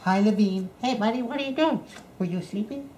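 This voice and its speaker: A woman's voice: medium pitch, brisk, darkish tone. A woman talking sing-song baby talk to her puppies at home, greeting each one by name as she films. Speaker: dog breeder filming her puppies. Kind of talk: cooing at puppies, casual home video. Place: indoors at home by a puppy pen. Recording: roomy room, faint background hiss.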